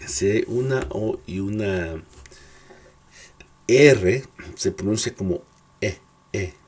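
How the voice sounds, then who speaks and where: Casting: low, husky man, native Spanish speaker, patient English teacher drilling sounds. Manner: slow, repeats words patiently, drills sounds aloud. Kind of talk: casual spoken lesson.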